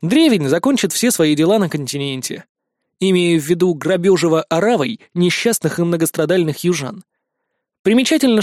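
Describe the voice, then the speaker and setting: A man reads a first-person audiobook in a wry, conversational way. His voice sits fairly high. The recording is close and dry, with no room sound. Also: a little mellow, no room sound. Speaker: audiobook narrator.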